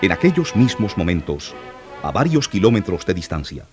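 A man's voice: low-pitched, big pitch swings, moderate pace. A man giving dramatic scripted narration of historical events for a radio drama, in a solemn, heightened manner. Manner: solemn, rising to heightened intensity in battle passages. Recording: narration over loud music.

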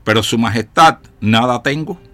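A man's voice: medium pitch, moderate pace, fairly bright tone, faint music behind, close to an everyday voice. A man voicing a poor beggar who pleads with a king. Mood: pleading.

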